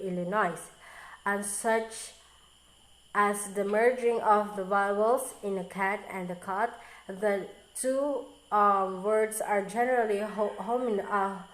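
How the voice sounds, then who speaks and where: A woman student reading a recorded class presentation aloud, careful and halting, often restarting on difficult words. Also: medium pitch, echoey room, rough recording.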